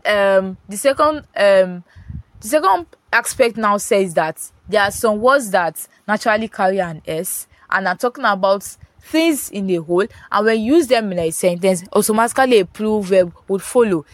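A woman's voice: lively intonation, moderate pace, dry recording. Female teacher, voice-note grammar lesson, dry close sound, patient and repetitive. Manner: repeats points, checks in with "Do you understand?"; rises in pitch when stressing contrasts. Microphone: phone voice note.

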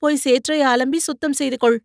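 A woman voicing a spirited, sharp-tongued young boatwoman who answers with mocking retorts, in an audiobook. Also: high-pitched, steady tone, fairly quick, creaky, no room sound, studio quality.

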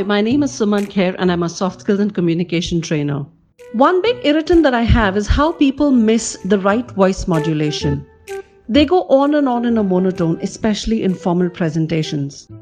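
Woman trainer, deliberate emphasis. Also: fairly low pitch, a little mellow. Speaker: communication trainer. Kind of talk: scripted podcast talk.

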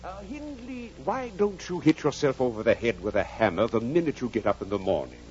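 A man's voice: mid-range voice, sing-song, a little fast, darkish tone, slight background noise, lightly acted. An actor playing a kindly, blunt middle-aged country doctor, dryly witty and fatherly in 1940s radio acting, on a dull old radio broadcast. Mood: wry. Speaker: Doctor Kenneth.

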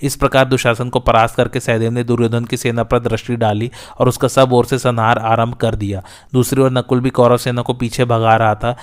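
A man narrating an ancient epic battle story in a steady, measured reading. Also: mid-range voice, smooth.

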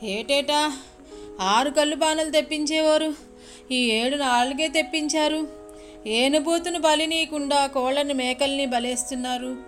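A woman voicing a male village shaman possessed by a furious goddess, shouting threats in a raised, strained voice. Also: high-pitched, soft background music, pitched above the performer's own voice. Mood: furious, raging. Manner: shouting, threatening, drawn-out menacing cries. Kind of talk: storytelling.

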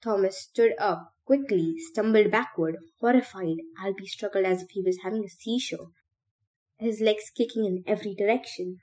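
A woman reading a novel aloud for a podcast in a steady, measured way. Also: medium pitch. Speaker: podcast reader.

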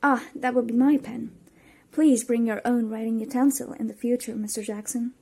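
A woman's voice: fairly high pitch, fairly even intonation, normal speed, creaky, a little mellow, slightly rough. Woman doing polite old male teacher, formal, scholarly, slightly distracted.

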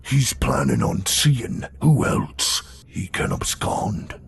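A man voicing Laren, a stern, bossy man who speaks slowly and gloomily. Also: mid-range voice, animated, gravelly, breathy edge, pitched above the performer's own voice, heavily acted. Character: stern gruff man, booming, bossy, unafraid.

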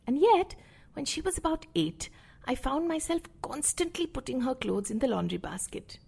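A middle-aged woman narrating scripted parenting advice, speaking to the listener directly in a measured, explanatory way. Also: high-pitched, expressive, creaky, a little mellow, husky. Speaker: parenting podcast host.

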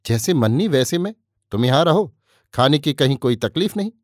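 A man reading aloud, voicing a patient young village man who speaks gently and reassuringly. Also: fairly high pitch, lively intonation, moderate pace, no echo, clean studio sound, natural voice.

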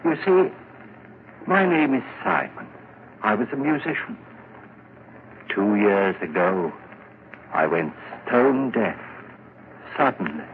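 Fervent, haunted low-voiced musician. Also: male voice, lively intonation. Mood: haunted, intense. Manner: intense, rhapsodic, dramatic pauses. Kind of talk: 1940s radio drama acting. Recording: muffled, noisy vintage radio recording.

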